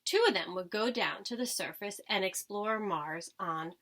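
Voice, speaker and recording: Reading a storybook for children the way a teacher would, this woman uses a medium-pitched, fairly bright voice at a moderate pace. She reads expressively with dramatic stress and makes short comments to her listeners.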